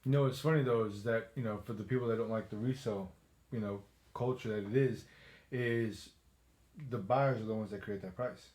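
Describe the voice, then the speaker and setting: A man's voice: on the low side, brisk, darkish tone. Easygoing man co-hosting, echoey room. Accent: noticeable accent. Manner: easygoing, laughs often, restarts phrases. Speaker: co-host. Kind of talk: casual chat.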